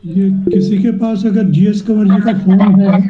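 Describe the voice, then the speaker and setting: Monotone male moderator, higher voice, echoey distant call sound. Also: normal speed, dull audio. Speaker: moderator of an online meeting.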